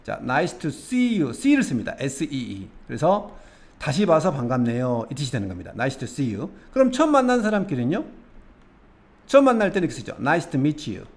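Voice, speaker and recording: A man's voice: on the high side, big pitch swings, moderate pace. A man teaching English expressions, explaining nuances patiently and step by step, often asking the viewer questions.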